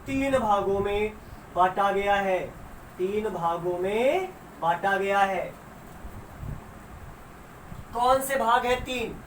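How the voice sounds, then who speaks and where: A woman's voice: mid-range voice, recorded from a distance. A woman teaching a school science class. She asks her students questions, answers them herself and stretches out key words. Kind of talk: classroom lesson. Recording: roomy sound with faint noise, away from the mic.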